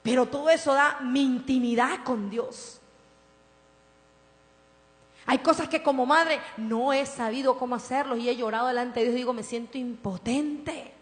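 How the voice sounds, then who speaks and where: A woman pastor preaching a sermon in a church, swinging from impassioned declarations to soft, tender storytelling. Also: high-pitched, steady tone, moderate pace, pauses often. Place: church sanctuary. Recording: reverberant hall with mains hum.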